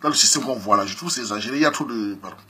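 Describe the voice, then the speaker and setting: A man with a Cameroonian French accent, hosting a show where he comments on a listener's letter and gives advice in a lively, slangy style, laughing often and swinging between loud outbursts and low asides. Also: racing, husky. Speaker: host.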